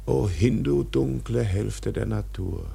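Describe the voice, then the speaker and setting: An actor in a radio drama playing an obsessed, tyrannical older whaling captain, declaiming grandly in a gravelly, husky voice. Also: male voice, on the low side, slow pace, mellow, full character voice. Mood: brooding, solemn. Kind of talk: literary radio drama acting.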